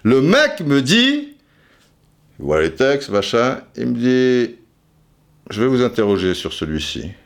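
A man's voice: mid-range voice, wildly swooping pitch, slow, creaky, pauses often. A man hosting a podcast, telling a self-mocking story and acting out voices and sounds. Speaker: podcast host. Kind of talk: casual storytelling monologue.

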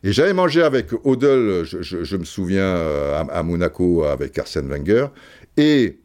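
Older guy from africa rambling through a story, lowish voice that swings around a lot. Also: sing-song, normal speed, darkish tone. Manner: rambling, many fillers and restarts. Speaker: podcast host. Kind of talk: storytelling anecdote.

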